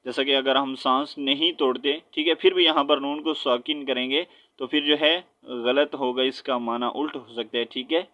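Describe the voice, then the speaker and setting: A man teaching Quran recitation step by step, spelling out letters with their vowel marks and often checking in with his listeners, then chanting verses slowly. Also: mid-range voice, steady tone, sharp tone, lo-fi sound. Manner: switches between quick explanation and slow drawn-out chanted recitation.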